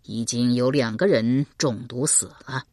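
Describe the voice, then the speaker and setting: A wary male court physician who speaks quietly and lets his voice drop low, read in an audiobook by a woman doing all the voices. The tone is husky and subdued. The recording is dry and close. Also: a little slow, dry recording. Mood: guarded. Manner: quiet, hushed and guarded. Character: cautious, soft-spoken male palace physician.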